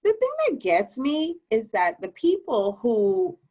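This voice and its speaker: A woman rants casually with a loose, tipsy ramble. Her pitch swings widely as she playfully mimics other people's phrases. The audio is dull and lo-fi. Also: sing-song, a little slow, mellow. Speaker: talk show host. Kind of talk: casual ranting chat.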